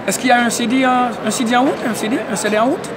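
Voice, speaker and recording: A man who interviews at an event, excitable and tagging nearly every phrase with "hein?". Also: very high-pitched, very fast. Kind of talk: casual community media interview. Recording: noisy crowded public event. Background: crowd chatter.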